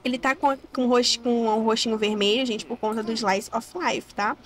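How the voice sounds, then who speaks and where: Brazilian woman, high voice, excitable gameplay commentary, faint background noise. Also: moderate pace. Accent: Brazilian Portuguese. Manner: gushing, excitable, says "gente" constantly. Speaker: gaming YouTuber.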